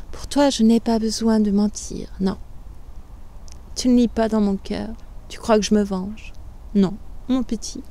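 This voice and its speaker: A woman voicing a sly, cruel sixteen-year-old girl who taunts in a soft, low voice, in a storybook reading.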